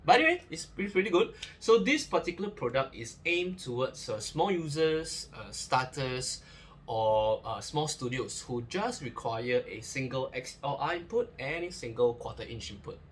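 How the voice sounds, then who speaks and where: A man's voice: medium pitch, expressive, moderate pace, hardly any pauses, a little hiss or hum. Chatty man unboxing gear. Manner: chatty, many fillers and restarts, joking asides. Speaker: gear reviewer. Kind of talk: casual unboxing review.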